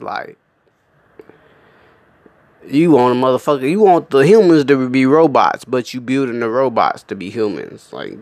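A man's voice: medium pitch, creaky, no echo. A young man delivering a profane, emphatic comic rant, laughing often. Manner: animated, emphatic and laughing, with frequent swearing.

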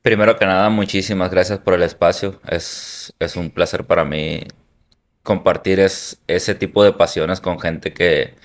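A man's voice: low voice, fairly even intonation, a little slow. A man from Hermosillo with a Sonoran Mexican accent, a football coach and former player, answering interview questions in an earnest, reflective way. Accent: Sonoran Mexican Spanish.

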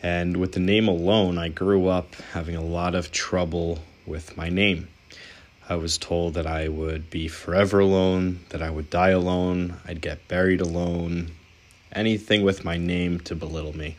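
A man's voice: low voice, flat delivery, normal speed. A young man hosting his own podcast, telling his life story in an earnest, candid way with small restarts. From born in Israel, raised in New York. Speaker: podcast host. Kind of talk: personal storytelling monologue.

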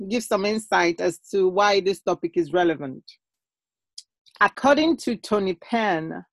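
A woman's voice: mid-range voice, no room sound. Woman hosting in a dry, close sound. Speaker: podcast host. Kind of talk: scripted podcast introduction.

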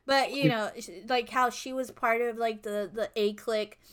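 Female co-host, a bit high-pitched, chatty and rambling. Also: fairly even intonation, moderate pace, clear, resonant tone. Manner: rambling, lots of "like" and restarts. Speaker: podcast co-host. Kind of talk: casual chat about a film.

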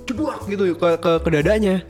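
A man's voice: high voice, moderate pace, a little mellow. A young man, a podcast co-host who explains things and asks questions in slangy casual chat. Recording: faint music behind.

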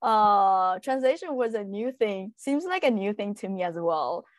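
Speaking expressively in a mid-range voice, the young Chinese translation student answers an interviewer casually, her Chinese accent clear in the dry, close-miked sound. She is hesitant, pausing often and leaning on fillers.

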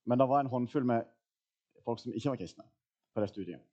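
A man preaching in a church, telling stories in a loose, easygoing way with plenty of hesitations. His voice is mellow and warm, middle-pitched. The recording sounds a bit dull and lo-fi. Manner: casual storytelling with fillers and laughs. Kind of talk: sermon. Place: church hall.

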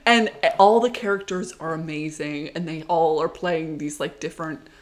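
Podcast cohost gushing about tv, chatty, laughs a lot, mid pitch. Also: moderate pace. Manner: chatty, enthusiastic, laughs often. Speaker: podcast co-host. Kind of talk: casual chat.

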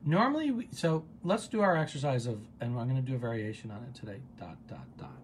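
Male meditation host, middle pitch, calm, guides a gratitude practice with soft drawn-out repetitions; faint background hum. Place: office.

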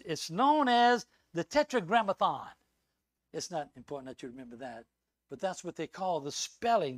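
High-voiced man preaching a lively sermon. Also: no echo. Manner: emphatic, animated, with asides and repetitions. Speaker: guest preacher.

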